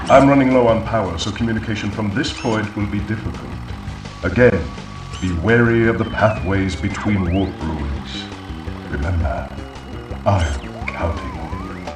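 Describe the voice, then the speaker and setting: An actor playing a scheming, pompous mad doctor villain in a video game cutscene, speaking formally and theatrically. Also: male voice, lowish voice. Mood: commanding, smug. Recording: roomy echo, distant, music underneath.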